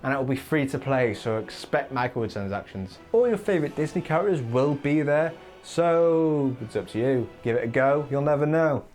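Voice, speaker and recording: Faint music plays behind a man hosting a gaming countdown, his mid-range voice sounding worn as he talks at a moderate clip and rarely pauses. He rambles, offers strong opinions, and throws in lively asides.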